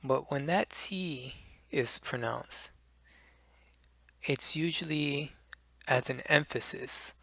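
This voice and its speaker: A man teaching English pronunciation, explaining slowly and deliberately with many fillers. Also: medium pitch, creaky, a bit bright, no room sound, clean studio sound. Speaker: language teacher.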